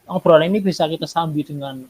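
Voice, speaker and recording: A man's voice: on the high side, fast talker, darkish tone, poor audio. A man coaching a fellow teacher in a role-played chat, polite and affirming.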